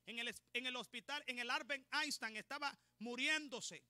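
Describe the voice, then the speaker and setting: Male preacher, fervent sermon, very high voice, dry close sound. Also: normal speed, clear, resonant tone, no echo. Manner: fervent, builds to shouting.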